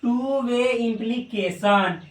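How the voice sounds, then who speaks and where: Woman teacher, slow deliberate delivery, echoey room, distant mic. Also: on the high side. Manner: slow, repeats terms in Hindi and English. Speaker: math teacher. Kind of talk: classroom lesson on a whiteboard.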